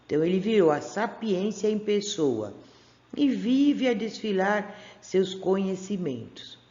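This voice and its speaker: Uma professora de sotaque brasileiro dá uma aula gravada para crianças do primeiro ano. Ela estica as sílabas com paciência e faz perguntas à turma. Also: female voice, mid-range voice, expressive, a little slow, warm tone, roomy sound, highs cut off. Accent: Brazilian Portuguese. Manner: patient, stretches out syllables, asks the class questions. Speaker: primary school teacher. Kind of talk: recorded remote class for first graders. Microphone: camera pointed at a workbook.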